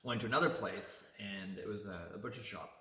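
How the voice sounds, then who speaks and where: A man vlogging, telling a story in a chatty, animated way. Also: on the low side, fairly quick, reverberant, slight background noise. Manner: chatty, animated retelling with laughs. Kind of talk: casual storytelling.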